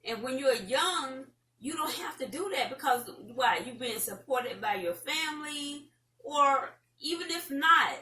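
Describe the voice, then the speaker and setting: Middle-aged woman, Southern American accent, higher-pitched, folksy conversational host, rambling advice, distant mic in a room. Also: lively intonation, a little slow, pushed and bright. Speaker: host of an online talk show. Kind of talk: casual advice chat to viewers. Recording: roomy, distant mic, faint noise.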